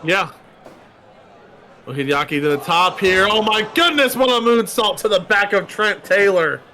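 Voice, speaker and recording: Male play-by-play caller, high voice, counts the pins, chatty, noisy mic hiss. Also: unhurried, pushed and bright. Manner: counts pinfalls aloud, chatty asides. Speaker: wrestling play-by-play commentator and news host. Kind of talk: play-by-play commentary.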